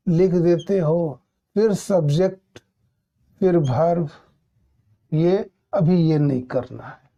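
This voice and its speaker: Slow, mellow-voiced male English teacher. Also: high-pitched. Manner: patient, repetitive explaining with checking questions. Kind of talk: doubt-clearing class explanation.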